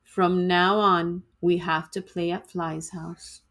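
A woman reads a children's storybook to listeners the way a teacher would to students, dramatic and expressive. Her voice is on the low side and her pace slow.

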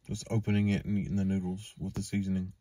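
A man's voice: low voice, flat delivery, fast talker, mellow. A man in his thirties giving short, casual, crude snack-review remarks in a parked car while crunching chips. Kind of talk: casual food review chat, crude joking. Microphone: camera on dashboard, a little away. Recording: slightly distant, noisy crinkling and clicking.

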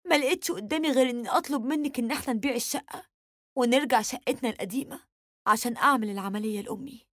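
A woman's voice: on the high side, racing, no echo, studio quality, natural voice. A woman with an Egyptian accent voicing a grieving young husband who speaks in a subdued, bitter way.

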